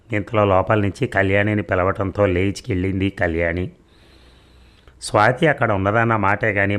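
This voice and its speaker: A man narrating a serial audio story in a steady storytelling manner. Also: sits low.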